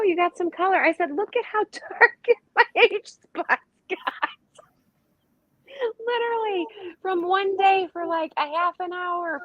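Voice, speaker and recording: A middle-aged woman whose voice sounds young is a panel guest on a live stream, chatting casually and rambling through her stories from indoors at home. Her fairly high voice is gravelly, and the computer mic on the video call gives lo-fi sound without room echo.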